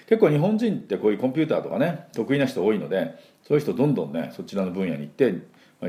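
Low, mellow-voiced Japanese male teacher, animated delivery, slow drawn-out examples for repeating. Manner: slow, drawn-out model words for the listener to repeat. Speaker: English teacher. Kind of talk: English pronunciation lesson.

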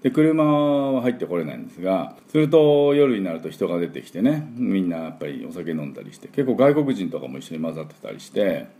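A man teaching English pronunciation in a spoken lesson, demonstrating sounds and drilling words slowly for the listener to repeat. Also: low-pitched, big pitch swings, mellow.

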